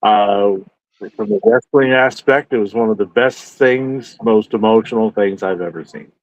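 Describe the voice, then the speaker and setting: A man's voice: lowish voice, animated, moderate pace, dry recording. Man on a patchy, dull remote call line. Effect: patchy, breaking-up remote call audio. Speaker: remote guest. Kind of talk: casual chat. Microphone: remote call mic.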